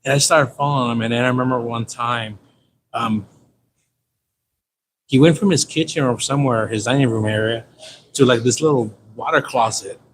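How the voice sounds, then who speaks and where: This man speaks at medium pitch and a moderate pace, pausing often. He's a Californian livestream host in his fifties from San Diego, and his casual chat is rambling, slangy, and repetitive, set against clearly noisy background sound.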